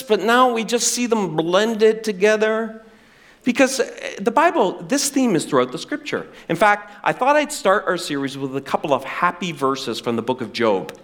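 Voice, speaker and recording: A middle-aged male pastor preaching a sermon with animated, self-deprecating humor. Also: sits high.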